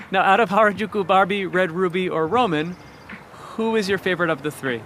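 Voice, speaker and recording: A man asking quick, upbeat rapid-fire questions as an interviewer. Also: sits high, a bit bright, slight background noise.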